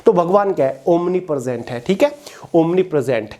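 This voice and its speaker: A man teaching exam vocabulary in an online lesson, explaining each word and reading its English definition out slowly. He keeps checking in with his listeners as friends. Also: fairly high pitch, expressive, mellow.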